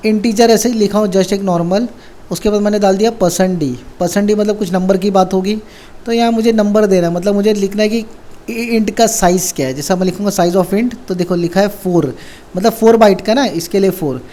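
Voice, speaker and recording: A man's voice: high voice, brisk, dark tone. A man teaching a casual coding lesson, who keeps asking and answering his own questions and repeats the key words. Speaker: programming tutor.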